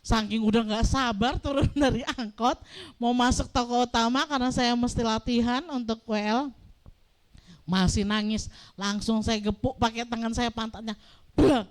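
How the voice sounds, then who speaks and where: Middle-aged woman pastor, high voice, lively storytelling sermon that acts out the dialogue. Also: moderate pace. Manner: animated storytelling, acting out dialogue.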